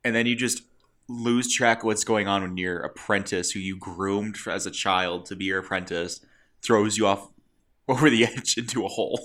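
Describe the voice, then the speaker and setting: A man in casual chat, retelling scenes in an animated way and laughing often. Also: fairly low pitch, moderate pace. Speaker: co-host.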